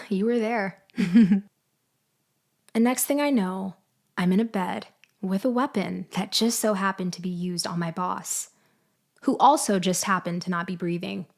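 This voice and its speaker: With vocal fry and medium pitch, a woman performs a dramatic girlfriend ASMR-style roleplay as a betrayed, vengeful ex who coolly taunts her framer. She sounds bitter but controlled, speaking slowly, deliberately and condescendingly, pausing and sighing along the way.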